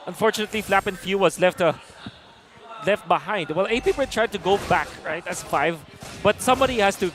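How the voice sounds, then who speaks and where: High-pitched male esports analyst over music. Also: a little fast, fairly bright tone. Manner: explanatory, conversational. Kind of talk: analytical game commentary.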